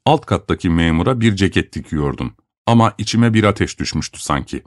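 A man reading a first-person story aloud in an expressive, measured storytelling manner. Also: deep voice, no echo, clean studio sound. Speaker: narrator.

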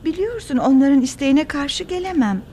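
A woman's voice: high voice, animated, normal speed, warm tone, slight background noise. An actress playing a guarded young woman ending an engagement in a radio drama, hesitant and evasive. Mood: reluctant.

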